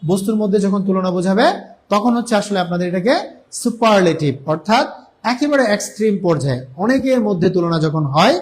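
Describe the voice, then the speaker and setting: A young Bangladeshi man with a high voice, teaching English grammar in a live online class. He asks his students a question and answers it himself right away, again and again. He draws the English example words out slowly so they are easy to follow. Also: darkish tone. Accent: Bangladeshi Bengali.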